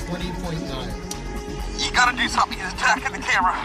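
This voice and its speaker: A man diving underwater, talking to the surface over a helmet intercom radio. He sounds strained and shouts through a struggle. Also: sits high, animated, quick pace. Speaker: diver. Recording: comms radio under loud music.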